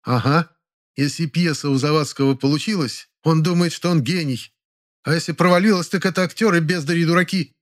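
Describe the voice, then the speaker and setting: A man reading aloud, voicing a sharp-tongued, sarcastic older actress with a high, mocking voice. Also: a little fast, lightly acted. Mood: scornful. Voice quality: mocking, venomous. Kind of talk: audiobook character voice.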